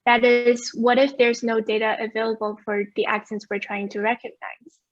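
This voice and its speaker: A woman giving an academic conference presentation over a video call, explaining results clearly. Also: fairly high pitch, level tone, normal speed, no room sound, dull audio. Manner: clear, explanatory, asks for next slide.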